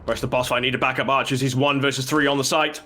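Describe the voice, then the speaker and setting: A man giving excited live esports commentary, repeating phrases for emphasis and bursting into raised, shouted calls at the action. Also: mid-range voice, fast talker. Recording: noisy, gunfire and clicks behind. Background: video game gunfire.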